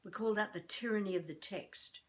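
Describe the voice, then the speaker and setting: Talking to camera in improvised instruction, an older Australian voice coach speaks at medium pitch. She is deliberate, leaving generous pauses between phrases and adding theatrical emphasis.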